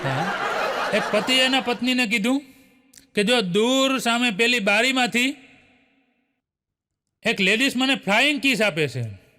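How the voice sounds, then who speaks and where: A man's voice: extremely high pitch, lively intonation, bright, forceful tone. A man telling a string of short jokes, chuckling often as he goes. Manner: brisk storytelling, chuckling often, tags lines with a filler. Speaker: joke teller. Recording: long hall reverb.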